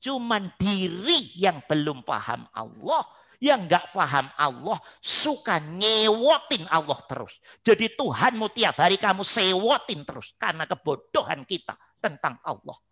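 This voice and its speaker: Bright, emphatic religious teacher. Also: mid-range voice. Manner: emphatic, repetitive rhetorical lines, asks the audience questions. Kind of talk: online religious study lecture.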